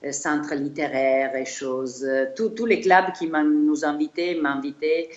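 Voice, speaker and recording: Woman, middle-aged, Italian accent, low voice, hesitant, many fillers, echoey room. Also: measured pace, dull audio. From Italy. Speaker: chiropractor guest. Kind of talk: casual interview.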